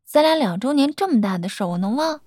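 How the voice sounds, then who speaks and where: A woman's voice: sits high, lively intonation, fast, mellow, no room sound. A young woman in a girlfriend role-play, talking tenderly, coaxing and teasing a partner.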